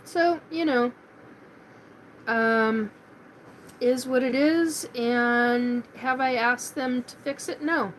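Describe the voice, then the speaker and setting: A woman's voice: fairly high pitch, slow, long pauses, a bit bright, a little hiss or hum, rough recording. A middle-aged woman from Washington State hosting a live paranormal chat, rambling casually with many fillers and restarts. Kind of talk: casual live-stream monologue.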